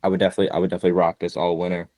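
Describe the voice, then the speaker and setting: A man's voice: sits low, monotone, racing, warm tone, no room sound. A man speaking as a guest in a casual podcast chat, easygoing and hesitant with fillers like "uh" and "like".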